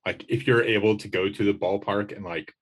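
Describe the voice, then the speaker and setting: Slightly deep-voiced man chatting casually. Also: steady tone, brisk, breathy edge. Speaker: sports beat writer, podcast regular. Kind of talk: casual podcast chat.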